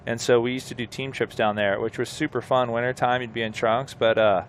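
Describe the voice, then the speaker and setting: Male surf co-commentator, mid-pitched, casual and slangy like a relaxed surfer, with clear outdoor noise behind. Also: a little fast. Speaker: surf contest co-commentator, experienced competitor. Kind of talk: casual live commentary and chat.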